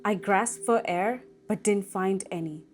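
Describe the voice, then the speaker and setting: A woman host reading a scary story aloud in a slow, dramatic storytelling manner. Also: mid-range voice, soft background music. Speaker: storytelling cooking channel host.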